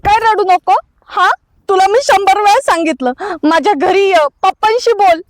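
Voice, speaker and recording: A woman's voice: very high voice, moderate pace, dry recording, studio quality. A young actress playing a young bride who resists her arranged wedding and speaks in a pleading, reproachful way. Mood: heated.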